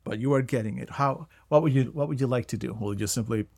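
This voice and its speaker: A man's voice: medium pitch, quick pace, vocal fry, a little mellow. A man narrating as game master in a casual, hesitant way, with frequent restarts.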